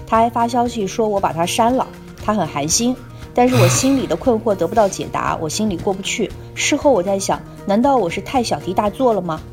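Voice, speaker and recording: Woman podcast co-host reading a listener's letter aloud in a plain, steady, mid-pitched voice, with faint music behind. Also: fairly quick.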